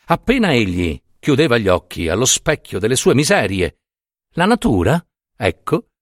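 A man narrating a literary short story with expressive, theatrical phrasing. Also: medium pitch, normal speed, dry recording, clean studio sound. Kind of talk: dramatic audiobook narration.

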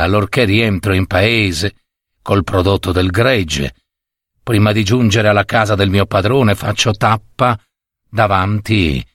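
A man reading a story aloud, voicing a sly, toothless old servant who grumbles in a low, muttering voice. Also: fairly bright tone, no room sound, studio quality.

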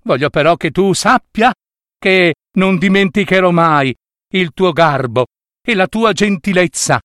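A man's voice: sits high, a little slow, fairly bright tone, no room sound, studio quality. A man voicing a polite, slightly prim little princess ball in a storybook. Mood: gentle.

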